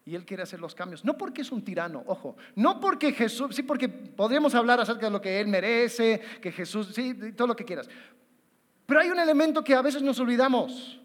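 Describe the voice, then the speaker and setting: High-voiced man preaching in a reverberant space. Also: a little fast. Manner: animated, acts out inner voices and dialogue, many repeated words. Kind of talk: conversational sermon.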